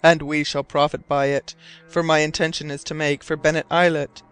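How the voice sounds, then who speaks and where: A determined sea captain speaks with grave earnestness, as a man reading the story puts him on. The voice sits fairly high for a man yet carries firm weight. Faint music plays softly behind him. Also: little pitch movement, moderate pace, clear, resonant tone, close to an everyday voice. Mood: earnest.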